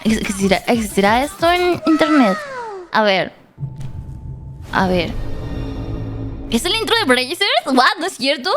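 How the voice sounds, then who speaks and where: Excitable high-voiced woman streamer. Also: measured pace, long pauses, over music. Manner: excitable, laughs often, shouts at the game, reads pickup lines from chat. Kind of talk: casual gameplay commentary.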